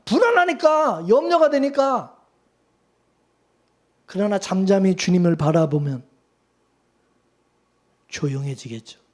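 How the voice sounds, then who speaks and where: A male pastor preaching a sermon, firing rhetorical questions at the congregation and swinging from loud urging to hushed calm. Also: high voice.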